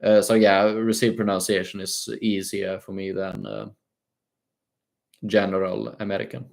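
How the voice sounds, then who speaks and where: A young Swedish man speaks English with a light British lean over his Swedish accent, in a slightly low voice. He answers viewer questions on a casual livestream, pausing often with ums and uhs and restarting his sentences. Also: vocal fry. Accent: Swedish-tinged British English. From Sweden. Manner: hesitant, many fillers and restarts.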